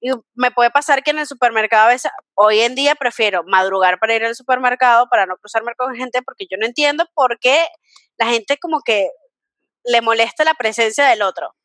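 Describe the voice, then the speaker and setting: A Venezuelan woman hosting a casual podcast chat, telling stories in an animated way and laughing often. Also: on the high side, brisk, no room sound. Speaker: podcast host.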